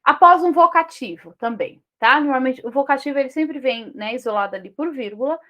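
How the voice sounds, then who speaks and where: Brazilian lady teacher, high voice, keeps going "né? tá?" at her class. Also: lively intonation, fairly bright tone. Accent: Brazilian Portuguese. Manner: checks in with frequent tag questions; reads example sentences aloud slowly. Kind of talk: classroom lesson on punctuation.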